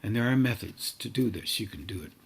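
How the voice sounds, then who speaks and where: A man giving a meditative spiritual talk in slow, halting, drawn-out phrases. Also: on the low side, animated, creaky, breathy edge. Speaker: spiritual teacher.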